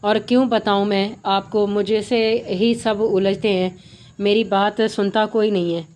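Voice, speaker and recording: A woman reading the lines of a young bride who answers in a hurt, quiet way, keeping a flat voice. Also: medium pitch, a little slow, natural voice. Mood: sulky. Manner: sulky, soft-spoken. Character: young bride, sulky then shy.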